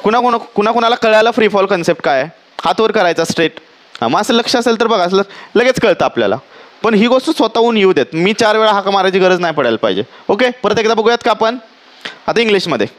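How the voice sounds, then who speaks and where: A man's voice: high voice, animated. A male teacher giving a strict classroom lecture, scolding his students and repeating his questions. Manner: asks rhetorical questions, repeats key words; dictates English definitions very slowly.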